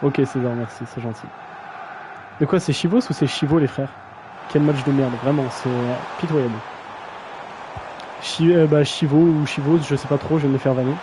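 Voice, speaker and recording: A man's voice: fairly high pitch, background noise. Slangy young man commentating a match. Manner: slangy, self-mocking, stumbles over names. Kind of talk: casual live-stream match commentary.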